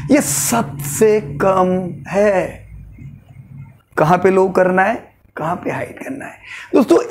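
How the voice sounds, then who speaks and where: A man teaching presentation skills in a lecture that mixes Hindi and English, animated and demonstrative, often checking in with "right?". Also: creaky. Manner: animated, demonstrates delivery by shifting pitch and emphasis, frequent "right?".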